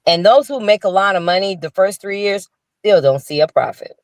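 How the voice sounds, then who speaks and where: A mid-range voice at normal speed comes from an older restaurant owner in Chicago, a guest chatting over video call in casual interview fashion. She's earnest and informal and often starts her sentences over. The recording is dry.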